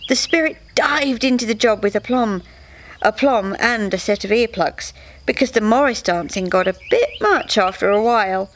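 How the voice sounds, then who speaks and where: This woman's voice sits on the high side and keeps a moderate pace as she expressively reads a scripted comic story aloud, storyteller-style. It's a live reading in a small theatre, with faint noise in the recording.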